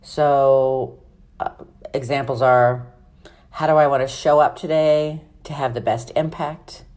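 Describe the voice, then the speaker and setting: Woman podcast host, low register, unhurried delivery, informal and instructional, for guided self-help segments. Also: fairly even intonation, a little mellow.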